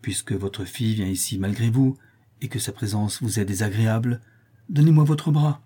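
A man's voice: fairly low pitch, moderate pace, warm tone, slightly rough. A man reading the lines of a scheming, cunning stepmother in an audiobook, with a falsely soothing manner.

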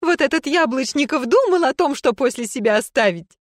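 A woman reading a story, voicing a drunk middle-aged woman who weeps and pleads, rising to shrill cries. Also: big pitch swings, moderate pace, no echo, clean studio sound. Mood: hysterical.

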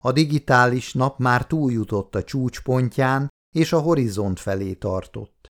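A man narrating an audiobook in a calm, measured reading voice. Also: mid-range voice. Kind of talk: scripted narration.

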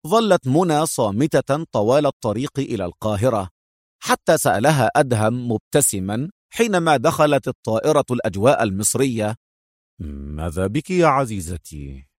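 A man's voice: mid-range voice, expressive, fairly quick, dry recording, clean studio sound. Man reading a novel expressively. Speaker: narrator. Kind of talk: audiobook narration.

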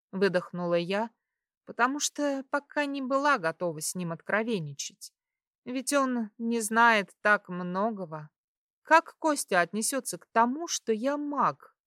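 A woman reading a first-person audiobook in an expressive, measured storytelling manner. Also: medium pitch, no echo, studio quality. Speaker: audiobook narrator. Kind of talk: first-person scripted narration.

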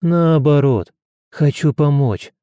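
A man's voice: on the high side, slow, warm tone, clean tone, no echo. A man reading the part of a hardened male hunter who speaks in terse, clipped lines, grieving and guarded. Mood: firm.

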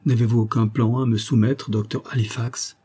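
A man's voice: level tone, normal speed, mellow, breathy edge, natural voice. A man reading aloud voices an anxious, tearful wife who pleads emotionally in an audiobook. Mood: pleading. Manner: emotional and pleading, raised pitch.

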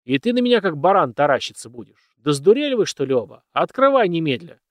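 A man voicing a domineering dead old industrialist master who bellows gruff commands. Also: on the high side, big pitch swings, quick pace, no echo, voice pushed up. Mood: angry, bellowing.

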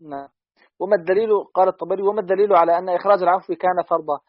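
A man reading a classical text aloud in a quick, steady recitation for a study lesson. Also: sits high, dry recording. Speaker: student reader. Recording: dry, dull lo-fi audio.

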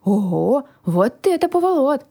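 Brief: excitable dragon guardian, squeaky and eager, voiced by a female narrator. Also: unhurried, no echo, clean studio sound. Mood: delighted. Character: excitable young male dragon, a treasure guardian.

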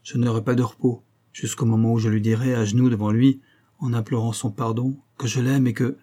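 A man reading an audiobook and voicing a remorseful young wife, who speaks softly, humbly and imploringly. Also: mid-range voice, little pitch movement, fairly quick, close to an everyday voice. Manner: soft, imploring and contrite.

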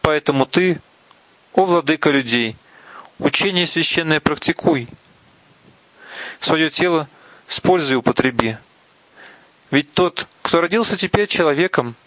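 Man reading scripture in a higher voice. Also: fairly bright tone, no echo. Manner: slow, deliberate phrasing with occasional restarts. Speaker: reader of Buddhist teachings. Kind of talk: measured reading of a religious text. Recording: dull, lo-fi, dry recording.

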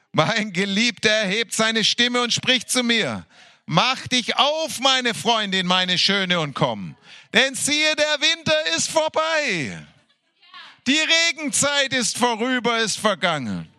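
A man in a worship service reading scripture with fervour, slowly drawing out his words and breaking into hallelujahs and laughter. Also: extremely high pitch, big pitch swings, pushed and bright, no room sound. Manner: fervent, exclaiming hallelujahs, laughing between verses; slow, drawn-out delivery. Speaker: worship leader.

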